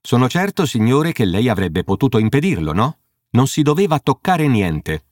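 A man's voice: medium pitch, sing-song, fairly quick, no echo, studio quality, lightly acted. A man reading an audiobook voices a stern, exasperated police sergeant who scolds sharply.

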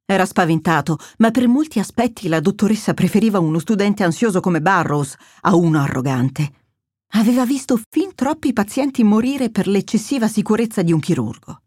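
Woman audiobook narrator, measured storyteller, dry close studio sound. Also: mid-range voice, animated, a little mellow, no room sound. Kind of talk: scripted narration.

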